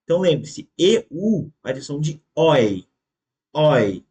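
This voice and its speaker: A man teaching a German lesson online, slowly and patiently repeating words for the learner and checking in often. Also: a little high, sing-song, warm tone. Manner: ends phrases with checking tags.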